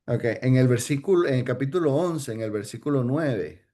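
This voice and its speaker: A man's voice: medium pitch, animated, normal speed, warm tone. A man teaching an informal Bible study, hesitant, with many fillers and restarts, often checking in with "ok?".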